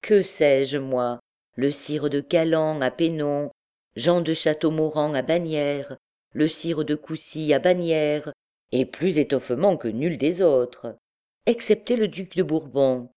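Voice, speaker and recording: A woman's voice: sits low, takes it slowly, dark tone. A woman doing a chatty old noble lady. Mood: nostalgique. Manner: rambling, reminiscing.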